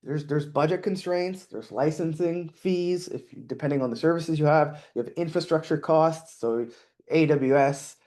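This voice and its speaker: Here a middle-aged man presents on a conference stage to an audience, relaxed and self-deprecating, with frequent fillers and restarts. He speaks at a moderate pace in a voice that is on the high side and a little mellow.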